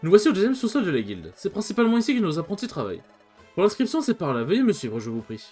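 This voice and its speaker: A man voicing a bossy, self-important male bird Pokémon from a video game, with a shrill, witch-like voice and a haughty way of snapping orders. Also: huge pitch swings, rapid-fire, a little mellow, faint music behind, exaggerated voice. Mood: pompous. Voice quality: shrill witch-like voice, man's version.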